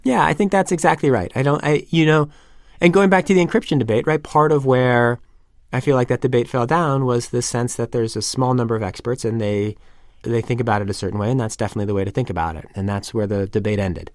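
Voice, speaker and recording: A man with a gravelly voice talks as a podcast guest, thinking aloud and circling back on himself. The sound is dry and close to the mic. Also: mid-range voice, steady tone, fast, dry recording. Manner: thoughtful, rambling, many restarts. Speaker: podcast guest, magazine editor. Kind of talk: casual podcast interview.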